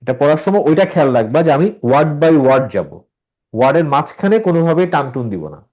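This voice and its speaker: A man with a mellow, warm voice leads an online Quran reading lesson. He stays patient and methodical as he explains each rule, then recites the words slowly to show how they should sound. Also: fairly high pitch, sing-song. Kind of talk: online tajweed class, correcting students.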